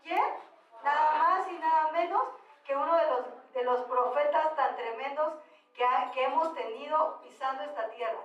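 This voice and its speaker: High-voiced woman preaching in an echoey hall. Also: normal speed, distant mic, muffled recording. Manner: animated, asks the congregation questions. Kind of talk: sermon.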